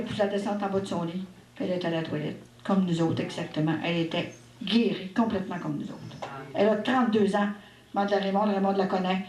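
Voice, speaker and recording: A woman in her sixties with a Québécois accent, giving a personal faith testimony in a lively, expressive storytelling manner with asides. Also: mid-range voice. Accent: Québécois French. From Quebec. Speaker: testimony giver at a religious mission. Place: church hall at a religious gathering. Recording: echoey hall, faint background noise.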